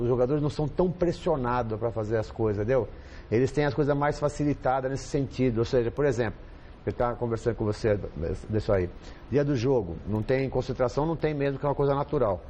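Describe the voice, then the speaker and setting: On a TV panel, a Brazilian-accented football coach appears as a guest in casual studio chat, rambling, repeating himself, and leaning on lots of fillers. His voice is mid-range, fast, and dark in tone, with a little hiss or hum in the recording.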